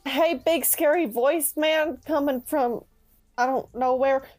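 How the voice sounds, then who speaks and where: A woman's voice: high-pitched, slow pace, a little mellow, no echo, faint music behind. A woman playing a tabletop game, talking playfully with stammers. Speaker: player. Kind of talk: tabletop role-play chat.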